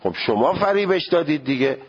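A man's voice: fairly high pitch, lively intonation, dull audio. A male seminary teacher giving a jurisprudence lecture, questioning his students and sounding out pronunciations as he goes.

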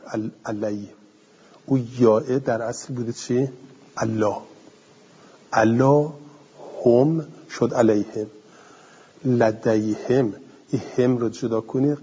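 A man's voice: mid-range voice, dark tone, slightly rough. A male teacher giving a lecture, reading a passage aloud, then explaining it conversationally and answering his own questions. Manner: asks the class questions and answers them himself. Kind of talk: classroom lecture on a classical text. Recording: dull lo-fi recording with long hall reverb.

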